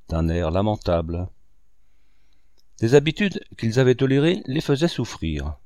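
A man narrating a classic novel as an audiobook, in a measured, expressive reading. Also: lowish voice, no echo, studio quality. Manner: measured, expressive reading with wide rises and falls.

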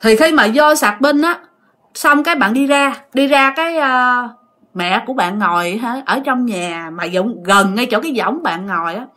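Her voice a little high and a bit bright, a woman with a Southern Vietnamese accent narrates a ghost story in a chatty manner, addressing listeners directly.

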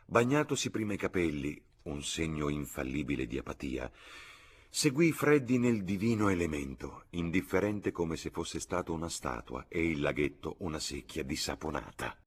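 A man reading a novel aloud in a measured, expressive audiobook narration. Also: a bass voice, husky. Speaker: audiobook reader.

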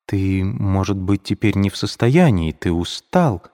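A man reading a proud young woman's lines in a soft, restrained voice. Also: deep voice, moderate pace, long reverb tail. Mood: hushed restrained. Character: young woman, proud but gentle sister.

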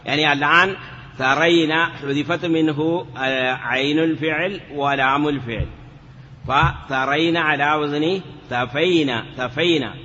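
A male teacher giving a step-by-step Arabic grammar lesson, asking the class questions and drawing words out slowly. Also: a little high, pushed and bright. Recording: lo-fi, hall reverb, faint noise.

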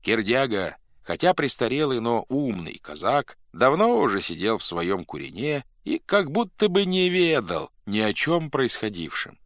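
A man narrating a classic story in an expressive, theatrical reading. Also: mid-range voice, a little slow, few pauses, no echo, clean studio sound. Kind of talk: scripted audiobook narration.

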